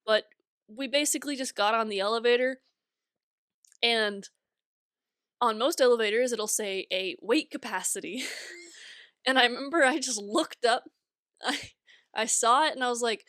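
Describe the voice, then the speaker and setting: A woman's voice: a little high, normal speed, pauses often, a bit bright, no room sound, clean studio sound. A young woman co-hosting a podcast, chatting casually and laughing through her own stories. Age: young adult. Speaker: podcast co-host.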